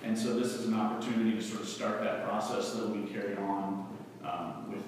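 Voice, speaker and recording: A man giving a measured, formal speech to an audience, recorded from a distance in a large hall. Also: lowish voice, little pitch movement, a little hiss or hum. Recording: roomy hall, distant mic, faint ambience.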